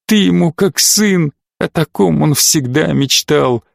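A man voicing an emotional young woman who pleads softly and then flares into anger, in an audiobook. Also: fairly high pitch, slow, creaky, no echo, clean studio sound, full character voice. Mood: pleading. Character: distraught pregnant woman, emotional and fierce.

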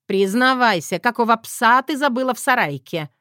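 A woman's voice: medium pitch, animated, measured pace, no room sound, clean studio sound, natural voice. Scolding fiery grandma, as a woman reads her. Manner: loud scolding, folksy. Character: fiery little grandmother, scolding mother-in-law.

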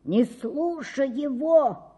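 A woman voicing a sly male ruff fish, a trickster who talks slowly from the water. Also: high voice, dark tone.

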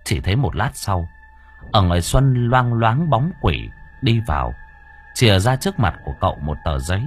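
Brief: male audiobook narrator, deep and husky, lively swings in pitch. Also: normal speed, soft background music. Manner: expressive storytelling. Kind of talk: scripted story narration.

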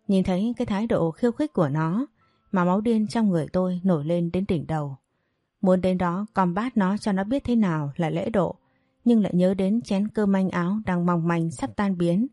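A woman narrates her own comic misadventures in a lively, self-mocking storytelling voice. Her tone is low and mellow, and the recording is dry and close with faint music playing underneath. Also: dry recording. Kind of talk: first-person comic storytelling.

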